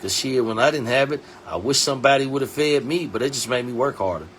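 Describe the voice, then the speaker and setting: A man in his forties hosting a live stream, talking bluntly in street slang and dropping his voice low and quiet to hammer a point home. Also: fast, a little hiss or hum. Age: 40s. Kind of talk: casual live stream talk.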